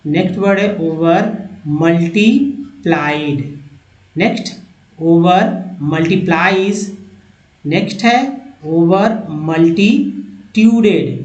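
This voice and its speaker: Slow, high-voiced man teaching vocabulary. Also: darkish tone, roomy sound, muffled recording. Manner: reads words slowly, repeats each one, addresses viewers as friends. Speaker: English teacher. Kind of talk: Hindi English-vocabulary lesson.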